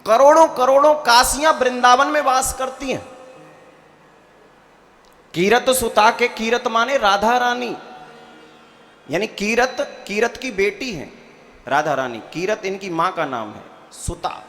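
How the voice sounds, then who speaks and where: A man's voice: very high voice, slow, long pauses, fairly bright tone. A man giving a devotional sermon as a preacher. He explains with rhetorical questions and breaks into chanted verses. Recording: long hall reverb with faint music.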